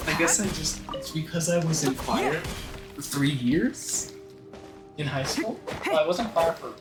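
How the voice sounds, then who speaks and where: A man streams a game in a room with other people around, chatting casually and rambling, restarting sentences as he thinks aloud. His voice is on the high side and a little slow, recorded roomy and off-mic with loud game music behind.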